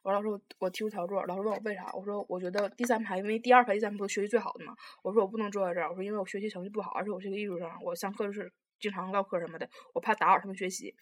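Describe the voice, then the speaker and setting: A young woman, telling a story in casual chat, rambling and animated with lots of restarts. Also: mid-range voice, racing, hardly any pauses, a little hiss or hum. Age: young adult.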